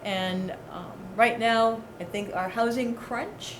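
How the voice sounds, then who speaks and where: This committee member talks slowly in a slightly high voice, chatting frankly as part of an informal local meeting. She's in an indoor meeting room whose recording is echoey with noticeable background noise.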